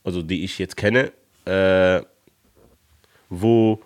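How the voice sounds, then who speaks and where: A man's voice: low-pitched, steady tone, slow pace, clean tone. A man co-hosting a casual debate chat, teasing and pressing his partner with questions. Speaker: co-host, author.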